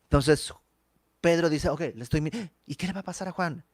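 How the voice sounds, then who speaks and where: A man's voice: on the high side, fairly quick, no room sound, clean studio sound. A man teaching a verse-by-verse Bible study in a conversational way, acting out the dialogue of the text.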